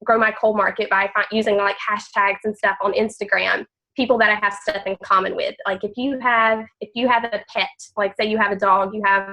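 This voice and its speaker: A woman's voice: mid-range voice, creaky, fairly bright tone, poor audio. A woman with a nasal, congested voice from blocked sinuses, chatting openly about her story and tips on a group call. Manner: open, chatty, repeats words. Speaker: team member telling her story. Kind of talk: casual personal talk on a group call.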